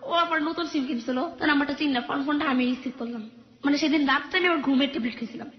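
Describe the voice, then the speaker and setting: A young woman phones in to tell her life story, rushing through it in a high, quick voice. She acts out the arguments in her family as she goes. The sound is roomy and dull, like a lo-fi recording. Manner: rapid, earnest retelling that acts out family quarrels. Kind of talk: personal story told on a call-in radio show.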